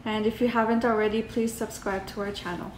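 A woman's voice: mid-range voice, fairly even intonation, fairly quick, roomy sound, heavy background noise. A young woman, a channel host, politely asking interview questions and closing the video, indoors. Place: living room, then a dining room.

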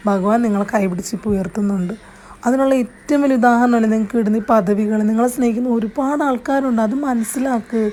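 A woman's voice: on the high side, fast talker, warm tone, slight background noise. A woman giving earnest, consoling advice straight to the camera, repeating herself and restarting often. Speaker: vlogger. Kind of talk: direct-to-camera advice monologue.

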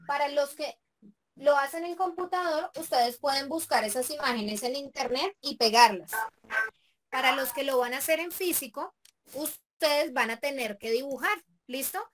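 A woman's voice: high voice, normal speed, a bit bright, slight background noise. A woman teacher leading a class step by step, patient and checking in with the students often. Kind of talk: remote class walkthrough.

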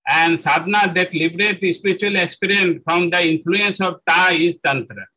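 A man giving a spoken lecture on spiritual practice, halting often with fillers and self-corrections. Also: high-pitched, bright, forceful tone, poor audio.

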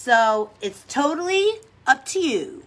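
A middle-aged New York woman with a New York accent hosts a casual livestream chat while doing her makeup. Her voice is high and sing-song, and she takes it slowly, brash and chatty and often repeating herself.

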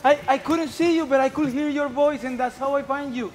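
A short, hot-tempered young woman, acted by a woman on an outdoor stage. Her voice is very high, bewildered one moment and biting the next. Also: a little fast, darkish tone, slight background noise, lightly acted. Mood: hurt. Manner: bewildered, then fierce and accusing. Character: Hermia, short young woman, fiery and hurt.

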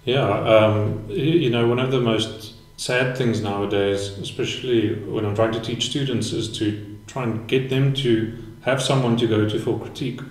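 A man's voice: mid-range voice, moderate pace, few pauses. A man in his thirties, a guest photographer talking frankly and casually in a live panel discussion. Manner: frank, casual, laughs easily. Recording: roomy echo, distant mic.

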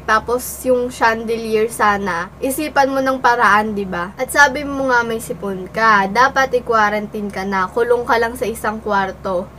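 Young female vlogger, slightly high, stuffy cold, teasing and casual; faint background hiss. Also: a bit bright, poor audio. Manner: playful, teasing comebacks; eating while talking. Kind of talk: casual vlog reacting to comments.

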